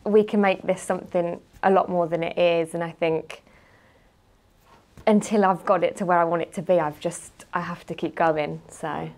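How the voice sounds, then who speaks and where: A marketing manager in her twenties, who grew up partly in Spain and now lives in the UK, is a guest in a casual interview. She has a British English accent and a lowish, slightly mellow voice with a steady tone at normal speed. She speaks informally and tells anecdotes.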